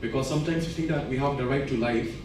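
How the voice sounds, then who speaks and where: A man's voice: medium pitch, quick pace. A male student answering a question politely in a classroom. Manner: polite, answers with "yes, sir". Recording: echoey room, distant mic, noisy.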